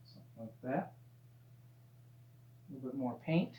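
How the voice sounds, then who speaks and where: A man teaching painting in a gentle, easygoing, encouraging way, casually talking through each step as he demonstrates. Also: medium pitch, animated, normal speed. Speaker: painting instructor. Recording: dull, roomy sound with faint hum.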